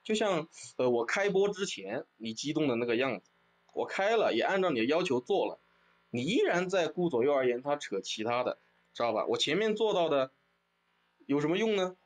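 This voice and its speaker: Man, livestream caller, combative, provocative, lively swinging pitch, higher voice. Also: a little fast. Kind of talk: heated argument over a voice link.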